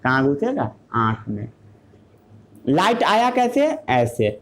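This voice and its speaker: A man's voice: mid-range voice, sing-song, slow, fairly bright tone. A male teacher giving a classroom science lesson. He asks rhetorical questions, answers them himself, and mixes English terms into his Hindi.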